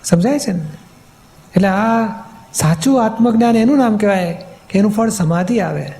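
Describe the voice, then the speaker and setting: A man's voice: sits high, normal speed, gravelly, mellow, a little hiss or hum. A man, a spiritual teacher, patiently explaining in a question-and-answer talk, often checking that he is understood.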